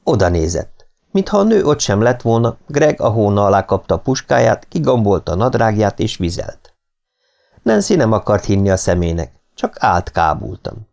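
Gravelly low-voiced male audiobook narrator. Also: big pitch swings, darkish tone.

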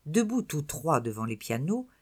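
An audiobook narrator reading a novel in a measured, expressive storytelling voice. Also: medium pitch, husky. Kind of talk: scripted literary narration.

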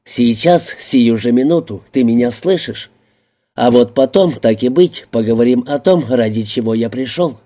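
In this audiobook reading, the narrator voices a smug, coercive man whose slow, even delivery carries a coaxing menace. The voice is very dark and mellow at a middling pitch, level and unhurried, lightly acted with a commanding mood.

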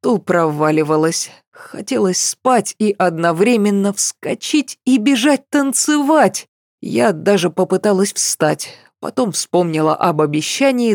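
A woman narrating a first-person novel in an unhurried, even storytelling manner. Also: on the low side, no echo, studio quality. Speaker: audiobook narrator.

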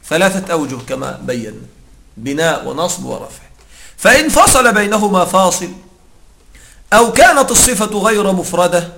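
Bright-voiced, high-pitched male grammar teacher. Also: a little hiss or hum. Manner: explanatory, checks in with listeners often; reads the quoted text slowly and deliberately. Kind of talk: classroom grammar lecture.

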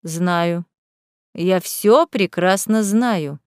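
A woman reading an audiobook, voicing a cold, contemptuous middle-aged male butler who speaks slowly and wearily. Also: on the low side, clear, resonant tone, no room sound, studio quality. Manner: slow, contemptuous, weary.

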